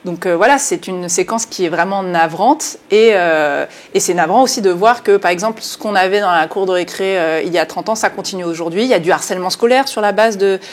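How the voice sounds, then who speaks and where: A woman journalist and author speaking as a guest in a studio interview, earnest and often halting, with frequent fillers and restarts. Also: fairly low pitch.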